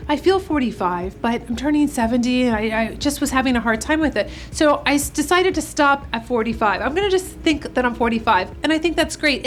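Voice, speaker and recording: This woman hosts a makeup tutorial and addresses her audience with an upbeat, encouraging pep-talk delivery. Her voice sits high, and there is slight background noise.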